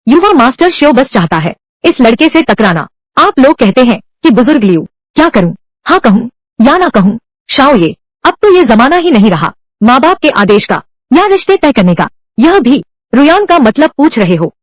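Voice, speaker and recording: A voice-over dubber with a high, very animated voice performs every character of a dubbed drama by herself, male and female alike, without changing her reading voice. She speaks at a moderate pace, and there is no room sound.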